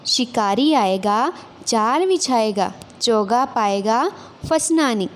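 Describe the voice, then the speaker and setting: A woman voicing a calm, wise older holy man who speaks in slow, deliberate lines. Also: high-pitched, a little hiss or hum. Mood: instructive.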